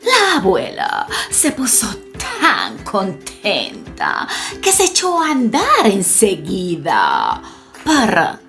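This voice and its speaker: Very slow, theatrical woman storyteller. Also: a little high, fairly bright tone. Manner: theatrical, playful, full of exclamations. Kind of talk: reading a picture book aloud.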